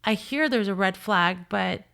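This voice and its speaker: Unhurried, bright and forceful, with vocal fry at medium pitch, this woman hosts a show as a dating coach. She talks relationships conversationally, being emphatic, opinionated and blunt.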